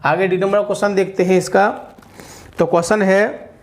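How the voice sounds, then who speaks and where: A man from India with a notably high speaking voice runs an exam-prep lesson. He reads English answer lines out slowly, word by word, then talks through them in Hindi, repeating key points so students remember. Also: level tone. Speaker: teacher.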